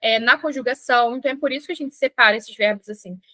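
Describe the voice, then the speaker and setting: A young Brazilian woman with a Brazilian Portuguese accent gives an online French lesson, her voice high and bright. She chats warmly and slows down when she models each word. The sound is close and dry, with no room around it. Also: no room sound. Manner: chatty, encouraging, slows to model pronunciation. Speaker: French teacher.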